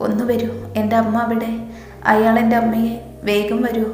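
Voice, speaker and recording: A woman's voice: fairly high pitch, little pitch movement, normal speed, lightly acted. Woman doing a defiant grieving son. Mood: desperate. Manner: defiant, pleading. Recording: echoey room with reverb. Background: soft music.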